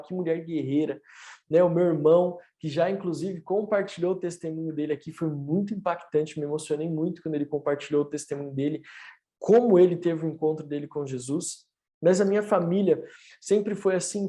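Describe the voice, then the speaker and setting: A man in his thirties, a pastor, testifies during an online church service in a fairly high, mellow voice, sounding earnest and preacherly as his emphasis climbs.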